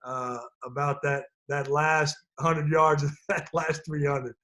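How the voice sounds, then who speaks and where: A middle-aged man talks through old memories over a video call, his voice sitting a little high for a man. He wanders, restarts sentences and keeps chuckling as he goes. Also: steady tone, slow pace, pushed and bright. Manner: rambling, many restarts, chuckles often. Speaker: former player on a team reunion call. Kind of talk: casual reminiscing.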